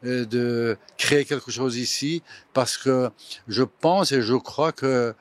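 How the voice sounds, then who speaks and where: An older man from Iran, a photographer giving a slow, hesitant interview statement full of fillers. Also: medium pitch, no echo.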